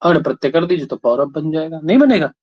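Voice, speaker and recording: A man's voice: a little high, lively intonation, fast. A man teaching a Sanskrit grammar class who keeps repeating his questions and prodding students to answer. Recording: dull lo-fi sound.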